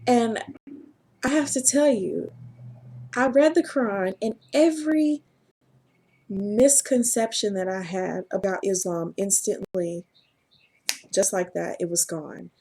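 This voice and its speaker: Slow, earnest woman. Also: mid-range voice, mellow, breathy edge. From Southern United States. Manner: earnest, halting, often laughs at herself. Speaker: vlogger. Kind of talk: personal testimony to camera.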